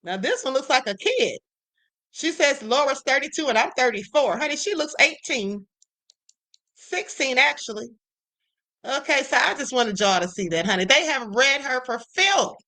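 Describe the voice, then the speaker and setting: A woman hosting a live stream, giving sassy, emphatic commentary with drawn-out asides. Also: high voice, lively intonation, sharp tone. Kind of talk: casual commentary.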